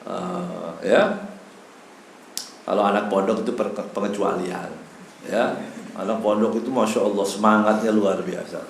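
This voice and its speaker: A man's voice: on the low side, steady tone, unhurried, vocal fry, long pauses. A man giving a casual evening lecture in a mosque, teaching with Arabic phrases mixed in and acting out quoted voices with humor. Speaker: religious teacher. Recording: echoey hall, faint background noise.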